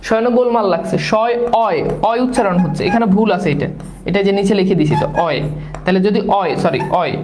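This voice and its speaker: A male teacher, explaining grammar and repeating syllables slowly while quizzing his students. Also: sits high, darkish tone, echoey room, slight background noise, poor audio. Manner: repeats sounds slowly, asks students questions. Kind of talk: grammar lesson.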